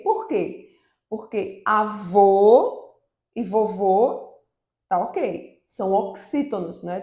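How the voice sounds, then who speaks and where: A woman teacher with a somewhat high voice and a gravelly, fry-laced edge, explaining grammar rules step by step. She asks questions and answers them herself, and keeps checking in with her listeners. The sound carries a roomy echo. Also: a little mellow. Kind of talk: online grammar lesson. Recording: echoey room.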